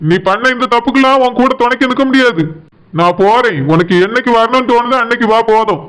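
A man's voice: very high voice, quick pace, fairly bright tone, clean tone, poor audio. A voice actor playing a stern young village husband with a Tirunelveli Tamil accent, scolding his wife and comforting his mother. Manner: scolding, lecturing. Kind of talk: cartoon voice acting.

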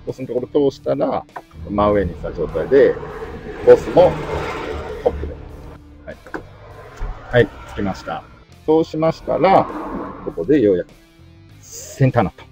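Middle-aged male host, casual DIY tutorial, lively pitch, grumbles while working. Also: normal speed, pauses often, faint music behind. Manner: chatty, mutters complaints while working.

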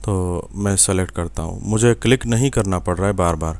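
A very low, smooth, resonant voice belongs to a young Pakistani software instructor with an Urdu accent, who records a screen tutorial at his desk. Patient and methodical, he goes step by step, lingering on fillers and checking in with the viewer as he works.

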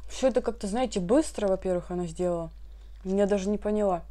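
A woman's voice: mid-range voice, quick pace, dark tone. A young woman vlogger chatting casually with viewers while chewing her food, in a colloquial, easygoing way. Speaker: mukbang vlogger. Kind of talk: casual chat while eating.

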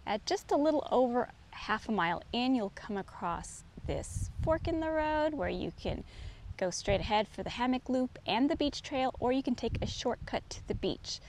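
A middle-aged woman with a fairly high, slightly mellow voice narrates her forest trail walk for her vlog, easygoing and descriptive, pointing out things as she goes. She speaks at a moderate pace with lively intonation, filmed on a handheld camera often at a distance, with faint outdoor noise around her.

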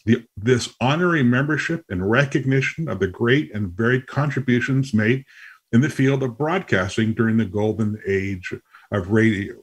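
A man with a husky, breathy voice presents an honorary award. He reads the citation formally, one line at a time. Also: mid-range voice. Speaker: society president.

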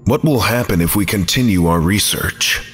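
A man's voice: lowish voice, moderate pace, fairly bright tone, in a large hall, soft background music, close to an everyday voice. Probing senior researcher, read by a man.

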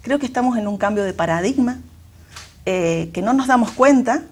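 Argentine woman, school director type; measured, reflective, restarts often. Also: a little high, expressive. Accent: Argentine Spanish. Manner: thoughtful, many fillers and restarts. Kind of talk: reflective interview answers.

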